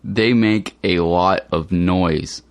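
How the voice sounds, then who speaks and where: Man, low voice, slow and careful, plain delivery, dry close mic; reads learner dialogues. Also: dry recording. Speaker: dialogue reader for English learners. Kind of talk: slow scripted dialogue reading.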